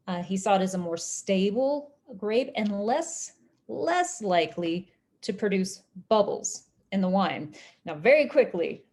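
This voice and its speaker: A woman from Oklahoma with an American accent lecturing on history in a measured, explanatory way with deliberate phrasing. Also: medium pitch, darkish tone. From Oklahoma, United States.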